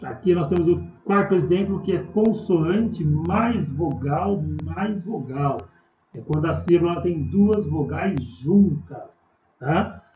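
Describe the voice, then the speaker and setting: A man with a Brazilian Portuguese accent teaching a remote class, slowly spelling out examples and checking in often with his students. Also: a little high, lively intonation, warm tone. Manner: patient, slow spelling-out with frequent "tá?" check-ins. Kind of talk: recorded remote class lesson. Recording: dull echoey room, far from mic, faint noise.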